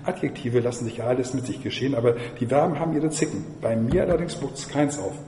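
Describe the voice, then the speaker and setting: A man's voice: medium pitch, fast, warm tone, natural voice. A man voicing a pompous, haughty talking egg man who speaks in a lofty, lecturing tone. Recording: echoey lecture hall, faint noise.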